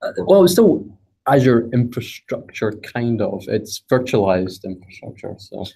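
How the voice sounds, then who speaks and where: In a rough recording, a Scottish presenter speaks at a measured pace in a medium-pitched voice with big pitch swings, creaky, mellow, and a little breathy. His technical meetup talk, streamed online too, is hesitant, packed with fillers, and lightly self-mocking.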